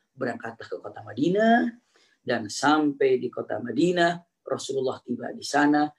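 Animated preacher. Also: medium pitch. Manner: animated, repeats key phrases, asks rhetorical questions. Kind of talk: storytelling sermon.

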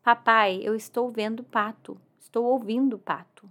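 A woman's voice: on the high side, fairly even intonation, measured pace, a bit bright. A woman voicing a frightened, curious little boy in a storybook tale. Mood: eager. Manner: frightened, pleading, wide-eyed.

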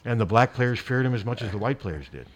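A man's voice: mid-range voice, expressive. A man hosting sports radio, rambling and correcting himself as he talks. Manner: fast, rambling, self-correcting. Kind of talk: casual sports talk.

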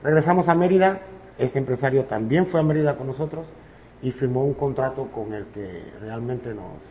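A man's voice: mid-range voice, moderate pace. Cuban guy in his 50s, easygoing storyteller with lots of fillers, cuban accent, slight hiss behind. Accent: Cuban Spanish. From Cuba. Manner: relaxed storyteller, many fillers. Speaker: musician guest. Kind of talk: telling his life story in an interview.

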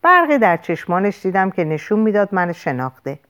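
A woman reading a first-person audiobook with an expressive, dramatic delivery. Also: mid-range voice, clear, resonant tone. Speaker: audiobook narrator.

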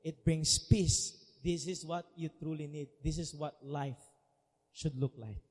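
Filipino pastor preaching in an echoing hall. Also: male voice, a little high, fairly even intonation, unhurried, darkish tone. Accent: Filipino (Cebuano). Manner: code-switching, earnest, confessional. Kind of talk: sermon. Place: church hall. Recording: reverberant church hall with music.

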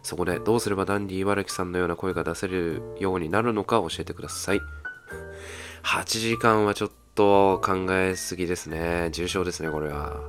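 A man hosting a casual solo radio show, reading listener letters and adding deadpan, mock-boastful asides. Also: deep voice, a little fast. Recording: faint music bed behind.

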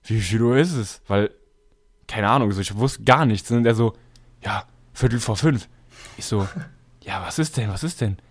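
A young man co-hosting a casual podcast, telling stories in a slangy, animated way with many fillers. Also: on the low side, normal speed. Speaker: podcast co-host. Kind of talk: casual chat.

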